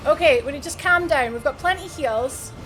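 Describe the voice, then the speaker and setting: Scottish girl from edinburgh, pretty high voice, casual game stream chatter, music going behind her. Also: fairly quick, a bit bright. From Edinburgh, Scotland. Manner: informal, thinking aloud. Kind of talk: casual live gameplay commentary, chatting with viewers.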